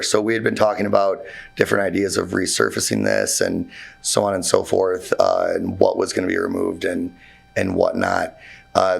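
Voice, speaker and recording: Making an informal pitch at a public meeting in a township room, a contractor asks the zoning board for building approvals in a deep, hoarse voice that is nearly spent. His delivery is halting, full of fillers and false starts.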